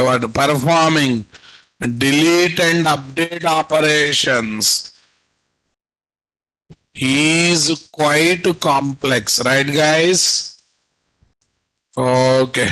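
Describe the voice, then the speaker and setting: A man with a Telugu Indian accent teaches programming online. His voice sits a little high and he speaks very slowly, as if dictating notes. He repeats phrases and keeps prompting his students with questions. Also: pushed and bright, low-quality recording. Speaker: programming instructor. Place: indoor room at a computer, video call.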